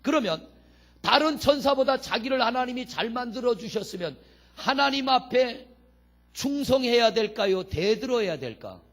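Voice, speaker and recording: A man's voice: extremely high pitch, lively intonation, normal speed. A man pastor preaching a sermon in a church. He asks the congregation questions, answers them himself, and reads scripture verses aloud. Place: church sanctuary.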